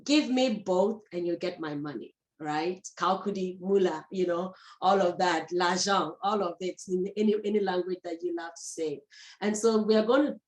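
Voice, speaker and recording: A woman hosting a virtual foundation event, introducing guests with frequent pauses and fillers. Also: fairly low pitch, echoey room, poor audio. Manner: warm, halting, many fillers. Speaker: host.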